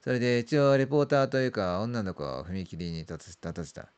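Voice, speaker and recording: Middle-aged male, low smooth voice, creepy ghost-story narrator, drawn-out phrasing with trailing endings. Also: animated, a little mellow. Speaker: amateur ghost story teller. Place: small dark room indoors.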